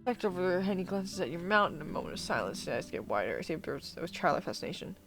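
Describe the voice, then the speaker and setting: Brief: streamer narrating a text RPG, mid-pitched, faint guitar bed. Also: big pitch swings, quick pace, fairly bright tone. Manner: stumbling reads with self-corrections. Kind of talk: reading a text game aloud.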